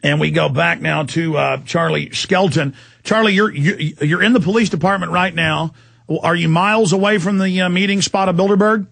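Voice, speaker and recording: A male radio host interviewing a caller by phone, talking in a forceful, ranting way. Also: high-pitched, steady tone, normal speed, gravelly, husky.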